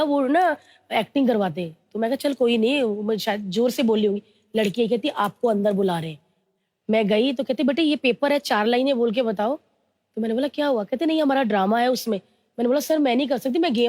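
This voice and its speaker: A woman in her thirties from India, telling her life story in an interview, slowly and earnestly, mixing English words into her talk. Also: fairly high pitch, darkish tone, dry recording, clean studio sound. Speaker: interview guest.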